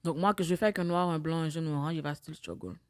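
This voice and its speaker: A Québécois woman co-hosting a relaxed podcast conversation, talking at a rapid clip. Her delivery is emphatic and lively, as if she is telling a story to a friend. The sound is dry and close. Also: low voice, no room sound. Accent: Québécois French. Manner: emphatic, animated storytelling with bursts of loud laughter. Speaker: podcast co-host. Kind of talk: casual chat.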